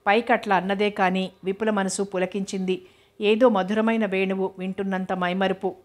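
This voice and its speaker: A woman reading a novel aloud as narrator in a steady, even way. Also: medium pitch, normal speed.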